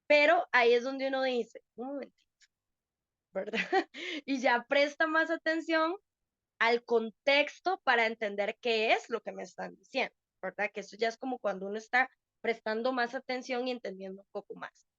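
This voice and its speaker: A woman's voice: on the high side, normal speed, a bit bright, no echo, muffled recording. A woman teaching an online English class to adults, patiently explaining and checking understanding.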